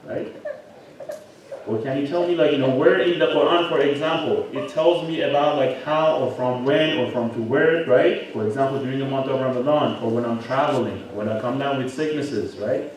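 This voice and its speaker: Preaching in a big, reverberant religious hall, a man with a medium-pitched voice talks at a normal speed, peppering his interactive sermon with rhetorical questions and "right?" tags. He sounds distant in the recording, which carries heavy echo, audible listeners, and a little hiss or hum.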